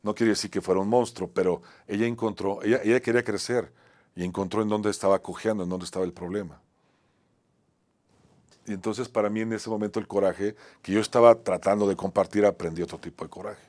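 A Mexican-accented man with a fairly low voice tells a personal story as an acting teacher. His delivery swings between a strong, projected voice and a soft, quiet one. He keeps tagging his phrases with a little question. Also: fairly even intonation, brisk. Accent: Mexican Spanish. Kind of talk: personal anecdote on a talk show.

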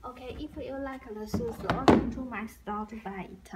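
A woman with a Chinese accent, a native Chinese speaker and online shoe seller, narrating a product showcase in simple, halting English phrases. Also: on the high side. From China. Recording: noisy recording with clicks.

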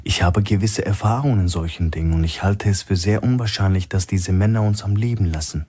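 A man voicing a calm, experienced male investigator who speaks steadily and gravely in a crime audiobook. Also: low-pitched, fairly quick, voice pushed up.

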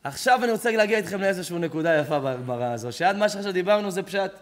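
A rabbi giving a sermon-style Torah lesson to a live audience, an animated storyteller who acts out everyday conversations and fires rhetorical questions at his listeners. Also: sits high. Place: lecture hall or synagogue at an evening event.

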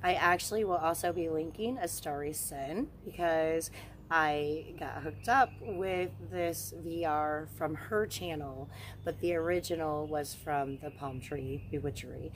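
Speaking a little slowly in a low voice, a woman in her forties addresses a phone camera at arm's length out in the woods. She hosts a witchcraft channel and comes across frank, relaxed and chatty, with a little hiss or hum present.

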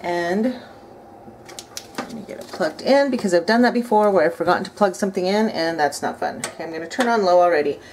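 Fairly low in pitch and a little fast, this woman's voice has lively intonation as she chats upbeat through a recipe. She's a home cooking vlogger in her thirties doing casual cook-along narration in her indoor kitchen, thinking aloud. Clinking cutlery, pots, dishes and utensils are clearly heard.

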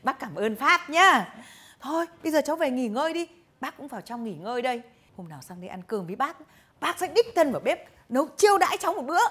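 Woman as a sly country mother-in-law, high, fast and lively. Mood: coaxing. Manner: chatty, coaxing, then scolding. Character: scheming rural mother-in-law, older woman. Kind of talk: dubbed drama voice acting.

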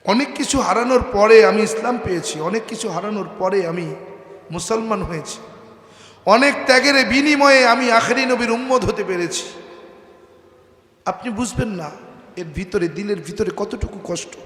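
A high, bright-voiced man delivers a charged sermon, bursting into shouts and then dropping to near-whispers. His voice rings through a large hall with a long, echoing reverb. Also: normal speed. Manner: dramatic, swings from shouting to hushed pleading. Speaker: preacher. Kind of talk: emotional waz sermon.

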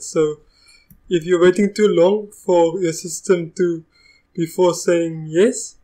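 A young man with a South African accent touched by Russian, hosting a live software tutorial in a chatty, easygoing way, restarting sentences as he goes. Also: a little high, low-quality recording. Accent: South African, with a bit of Russian. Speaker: tech tutorial host.

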